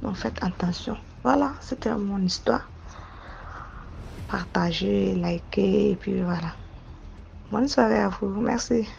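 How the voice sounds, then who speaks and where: A woman recounts her own experience and warns her listeners in earnest, repeating key phrases for weight. Her voice is strongly gravelly. The recording is muffled, with a faint hiss behind her. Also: medium pitch, takes it slowly, pauses often, darkish tone. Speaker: caller telling a personal story. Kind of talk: casual spoken testimony.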